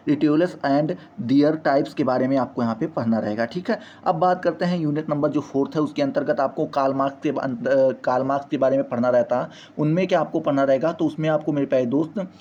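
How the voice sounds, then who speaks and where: A man's voice: mid-range voice, warm tone. A man teaching, going through a course syllabus point by point. He often stumbles and restarts on English terms and keeps repeating the same stock phrases. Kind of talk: syllabus walkthrough lesson. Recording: slightly dull lo-fi audio.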